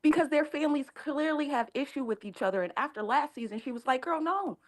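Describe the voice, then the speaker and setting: A woman's voice: high-pitched, brisk. A woman calling in with sassy, dramatic opinions and teasing asides. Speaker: caller. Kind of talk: call-in opinion.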